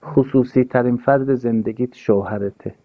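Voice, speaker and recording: A man giving an earnest, sermon-style talk, stressing his points and repeating key phrases. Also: mid-range voice. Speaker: religious speaker. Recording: dull lo-fi recording.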